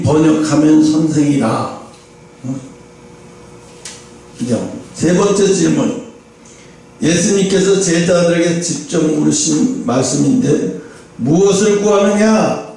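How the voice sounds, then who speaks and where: A male pastor preaching a sermon in a lively, informal way, often acting out direct questions to the listeners. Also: a little high, far from the mic. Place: large church hall. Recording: echoey church hall, voice from afar.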